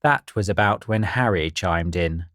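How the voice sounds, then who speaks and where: A man's voice: low-pitched, measured pace, a bit bright, no room sound. Wry man narrating a storybook. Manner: dry and wry. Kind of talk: first-person storybook narration.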